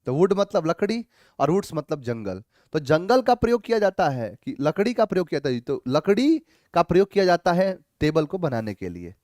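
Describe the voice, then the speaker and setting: A man teaching an English grammar class, reading each sentence slowly and then explaining it in a mix of two languages, sometimes calling students "babu". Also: on the high side, very animated, darkish tone, no room sound, clean studio sound. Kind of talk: online class going over grammar answers.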